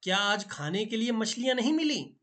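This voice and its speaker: Man playing a scheming turtle, chatty, fussing, lively high voice, storybook. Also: a little fast. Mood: friendly. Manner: chatty, fussing, plays at grieving. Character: friendly scheming male turtle.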